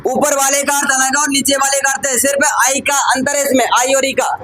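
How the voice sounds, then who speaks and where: In a rough recording with slight background noise, a man teaches a grammar lesson to a class, addressing students as "bhai" (brother) and "beta" (son). His voice is very high, pushed and bright, and he speaks fairly quickly in a completely flat delivery, asking frequent check questions to make sure they follow.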